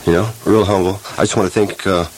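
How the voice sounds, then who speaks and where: A man hosting a radio show, giving a halting, emotional farewell from the studio. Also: low-pitched, steady tone, background noise. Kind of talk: on-air radio sign-off.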